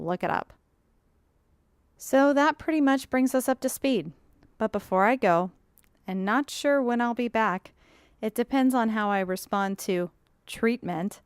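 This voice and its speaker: A woman's voice: mid-range voice, smooth, no echo, studio quality, close to an everyday voice. A woman narrating an audiobook as a sarcastic, chatty young woman film archivist with a wry, resentful streak. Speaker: audiobook narrator voicing a blogger. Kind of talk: audiobook reading.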